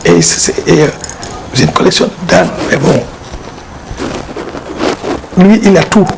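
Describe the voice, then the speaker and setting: A man, an art dealer and collector, explaining his pieces in a casual interview, halting and repeating words as he goes. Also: fairly high pitch, expressive, vocal fry. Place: exhibition hall with his collection. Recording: noisy background hiss.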